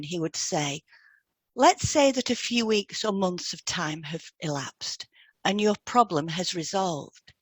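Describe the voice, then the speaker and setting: A husky, lowish female voice with no room sound. She co-hosts an educational podcast and trains hypnotherapists, and here she reads scripted dialogue aloud, explaining things instructively.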